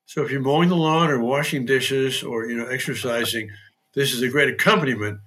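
An older man, a priest, hosting a podcast interview, with dry humor and frequent throat clearing. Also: mid-range voice, brisk, bright, forceful tone. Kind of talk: conversational interview.

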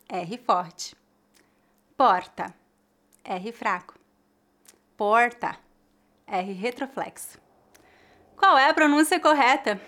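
A woman from Brazil with a Brazilian Portuguese accent gives a scripted pronunciation lesson in a fairly high voice. She articulates each word clearly and carefully and slows down to model her examples. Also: a bit bright. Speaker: Portuguese teacher.

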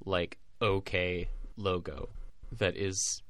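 A man's voice: low voice, level tone, slow pace, clear, resonant tone. A man co-hosting a casual soccer podcast, sarcastic and often laughing through his jokes. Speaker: podcast co-host. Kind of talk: casual sports chat.

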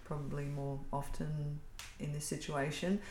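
Low-voiced woman in an echoey room. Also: little pitch movement, a little slow, darkish tone. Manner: earnest, explanatory. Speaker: teacher. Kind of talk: casual conversation. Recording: roomy with faint background noise.

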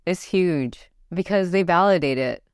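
A woman's voice: lowish voice, measured pace, clear, resonant tone, dry recording, studio quality. A woman hosting a business podcast, talking with a guest in an encouraging, coaching way. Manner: encouraging, coaching tone, fillers like "you know". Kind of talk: casual podcast interview.

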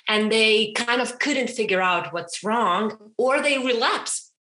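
A woman's voice: fairly high pitch, lively intonation, slow pace, pushed and bright, roomy sound. A woman in her thirties from Ukraine, a hypnotherapist and interview guest who talks in a chatty way, with fillers like "you know". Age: 30s. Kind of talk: casual interview.

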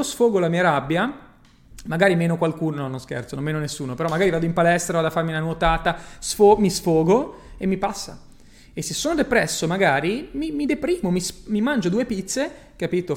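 A man's voice: sits high, expressive, fairly quick. A man talking casually to his livestream viewers as a personal growth coach, emphatic and blunt, swearing freely and often checking that they follow him. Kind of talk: casual livestream talk reading viewer comments.

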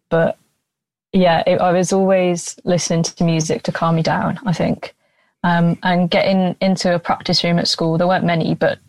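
A woman's voice: on the low side, vocal fry, a little mellow, dry recording. A woman in her twenties giving a casual personal account as a music student. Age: 20s.

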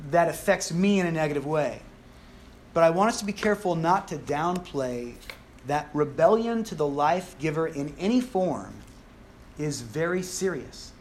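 A man's voice: a little high, slight background noise. A man preaching a sermon, telling a scripture story in an earnest, emphatic way.

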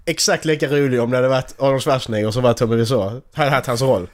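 A young man in casual banter, often laughing, swearing and loudly mimicking sports announcers. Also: mid-range voice, fairly even intonation. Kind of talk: casual chat.

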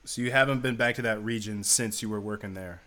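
A man's voice: fairly low pitch, a little fast, bright, forceful tone. A man hosting an interview show, introducing a guest and asking friendly, curious questions. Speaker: podcast host.

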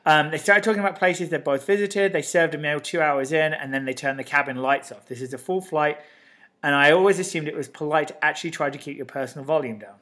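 A man co-hosting a casual podcast, reading posts aloud in a lively way, with a lingering cough. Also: on the high side, quick pace. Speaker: podcast co-host.

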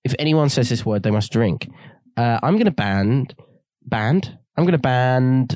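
Male podcast co-host, jokey and giggly, animated voice, dry close sound. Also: mid-range voice, unhurried, no echo. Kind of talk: casual drunken chat. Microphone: studio mic.

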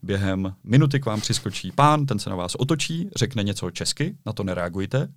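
A man chatting casually as a guest, telling stories briskly. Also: fairly low pitch, lively intonation, dry recording, studio quality. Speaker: guest, street video maker. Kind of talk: casual conversation.

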